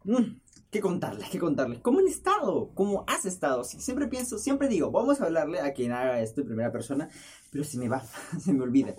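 A man's voice: fairly high pitch, a little fast, a little hiss or hum. A young man hosting his own show, telling stories in a jokey, self-mocking monologue to a camera in his bedroom. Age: young adult. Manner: jokey, self-mocking, lively storytelling with laughs. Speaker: podcast host. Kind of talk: casual rambling monologue. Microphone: camera's built-in mic, close up.

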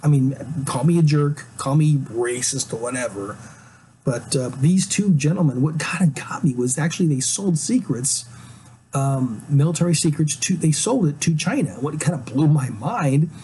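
A man's voice: fairly high pitch, normal speed, mellow, slight background noise, rough recording. A man hosting a solo commentary show, rambling through opinions with many fillers and restarts and a sarcastic, scoffing tone. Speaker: podcast host.

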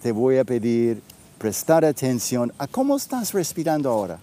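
A man guiding a meditation in a soft, intimate manner, close to the ear, deliberately and with long pauses, speaking directly to the listener. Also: medium pitch, very animated, slight background noise. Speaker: guest breathing and somatic practice teacher. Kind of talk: guided meditation and explanation.

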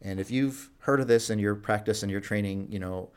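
In a relaxed interview, a man with a fairly low pitch tells stories about doctoring at a jail clinic, speaking fairly quickly and smoothly. He's animated throughout, slipping into the voices of those he quotes as he acts out their dialogue.

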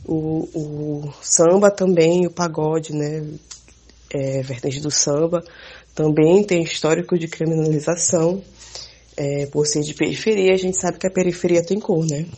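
A woman's voice: low voice, steady tone, measured pace, mellow, breathy edge. A woman hosting a podcast, talking conversationally with trailing tag questions. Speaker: podcast host. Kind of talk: casual interview talk.

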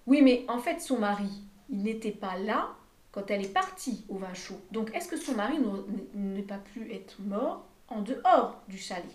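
A woman's voice: mid-range voice, lively intonation, moderate pace, darkish tone. A woman playing a tabletop game, thinking aloud and questioning the clues. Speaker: player. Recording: echoey room.

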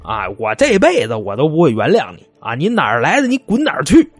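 Bitter, unforgiving young woman in a spoken crime tale, a male storyteller quoting her in his own lively voice. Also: a little high, brisk, slightly rough, no room sound, full character voice. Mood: scornful.

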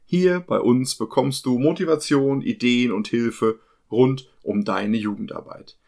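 Earnest German podcast host, gravelly voice. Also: male voice, mid-range voice, a little slow, a little mellow. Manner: earnest, impassioned. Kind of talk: hosted podcast talk.

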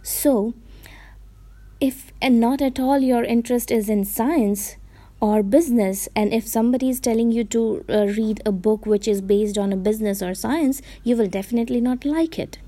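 A fairly high, dark-toned female voice at a moderate pace belongs to an Indian vlogger whose first language is Gujarati and who speaks Indian English. Talking casually to the camera, she offers earnest reading advice, explaining things and correcting herself along the way.

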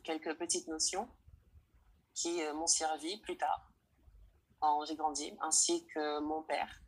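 A nineteen-year-old woman from French Guiana, answering interview questions in a hesitant way, often pausing to search for words. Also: low voice, little pitch movement, breathy edge, poor audio.

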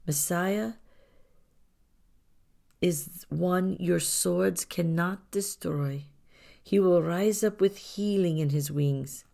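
A woman voicing a sorrowful, gentle old rabbi who speaks softly and cryptically, half-whispered, in a storybook reading. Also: on the low side, very slow, vocal fry, pauses often, full character voice.

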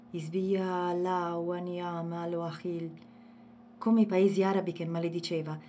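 A woman reads a novel aloud in scripted audiobook narration, with a measured, expressive delivery. Her voice sits low, and a faint background hiss runs underneath.

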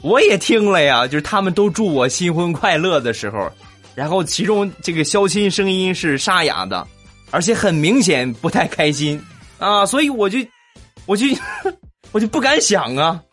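A man's voice: high voice, sing-song, moderate pace, fairly bright tone, soft background music. Playful man hosting a comedy podcast. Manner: jokey, laughs often, teasing asides. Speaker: podcast host. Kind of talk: playful comedic chat reading listener comments.

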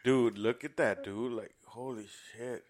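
A man's voice: medium pitch, fairly even intonation, a little slow. A man co-hosting a podcast, telling a story in casual, profane chat and laughing often. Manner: laid-back storytelling, swears a lot, laughs often. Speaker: podcast co-host.

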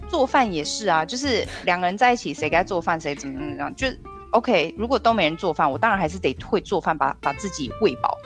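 Brief: woman podcast host, casual and animated, quick delivery, lively pitch. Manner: animated, acts out quoted voices. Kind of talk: casual chat.

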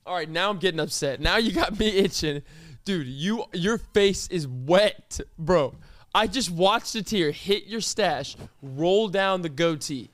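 A man hosting a podcast, exasperated and teasing, calling his co-host bro as he tries to get him to calm down. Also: high voice, a little slow, hardly any pauses, no echo. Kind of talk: casual chat. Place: indoor studio. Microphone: close mic.

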